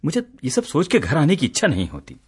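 Husky, lively radio-play husband, teasing and exasperated. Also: male voice, a little high, quick pace, full character voice. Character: teasing middle-aged husband, tired office worker. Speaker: radio drama actor.

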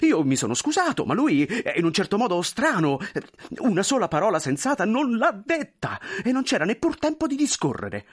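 A man's voice: high-pitched, huge pitch swings, moderate pace, husky, dry recording, studio quality, voice pushed up, heavily acted. A man putting on a fretful, pleading little clerk. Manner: stammering, pleading, fussy. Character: anxious, fawning middle-aged male clerk.

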